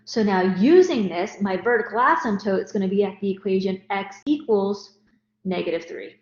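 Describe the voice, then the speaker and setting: A woman's voice: mid-range voice, moderate pace. A woman teaching math in a recorded lecture, explaining each step. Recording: roomy, dull lo-fi recording.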